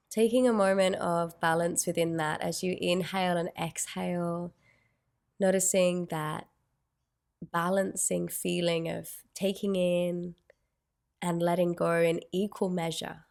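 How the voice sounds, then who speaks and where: Soothing and unhurried, a woman's meditation guidance moves very slowly, with gentle phrases separated by long silences. Her voice is fairly low, stays narrow and even in range, and frays into audible fry at the edges.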